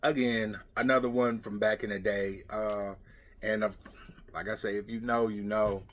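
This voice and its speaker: In a casual vlog, the middle-aged host rambles and mutters asides while going through his stuff. His voice is low-ish yet fairly bright, with fairly even intonation at normal speed, and clicks and clatters are clearly audible behind him.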